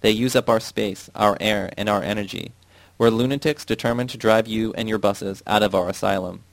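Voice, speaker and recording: A man doing a defiant deadpan mechanic. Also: lowish voice, brisk, vocal fry, no echo. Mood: calm. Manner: mock-obedient, calm and level. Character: defiant male bus mechanic, deadpan rebel.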